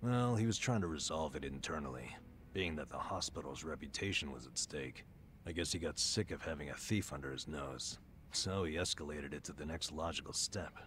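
Game drama role: burned-out middle-aged man, self-loathing, extremely low voice. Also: fairly quick, a bit bright, a little hiss or hum. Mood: bitter, self-loathing. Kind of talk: English video game drama acting.

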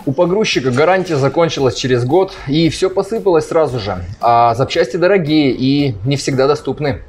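Man playing a plaintive, higher-voiced patient. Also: animated, a little fast, slight background noise, natural voice. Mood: aggrieved. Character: aggrieved male loader owner as a patient. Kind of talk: scripted comic advertising sketch.

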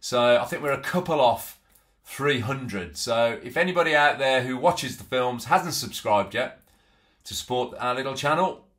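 Speaking at normal speed in an expressive, medium-pitched voice with a touch of brightness, a middle-aged antiques reseller chats about his haul. He's at a desk in a small indoor home office, dropping frequent ums and restarts.

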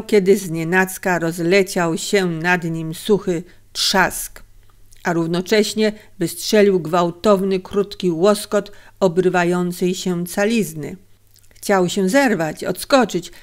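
A woman narrating a story aloud in a dramatic audiobook reading. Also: medium pitch. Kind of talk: scripted narration.

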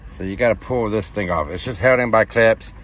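A middle-aged American man gives a casual, plain-spoken how-to vlog from inside a truck cab. His voice is lowish and a little fast, competing with loud vehicle noise in the cab.

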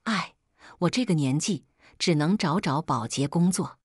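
A woman's voice: low voice, lively intonation, unhurried, darkish tone, slightly rough, no echo, clean studio sound, heavily acted. A sighing, nagging older mother, as a woman narrator voices her. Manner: sighing, complaining.

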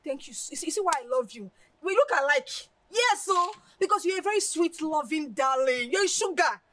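A woman's voice: high-pitched, expressive, fairly quick, no echo. An actress with a Nigerian English accent playing a playful young woman who pleads with her friend for the sake of money, in a film drama. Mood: coaxing. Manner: coaxing, pleading, laughs loudly.

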